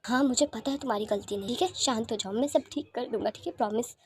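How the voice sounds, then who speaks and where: A soft, hushed young man, as a woman storyteller puts him on, protective and steady. He keeps his voice low and soothing, almost murmuring. The tone sits a little high for a man, with a faint hiss of noise behind. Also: fast talker, lightly acted.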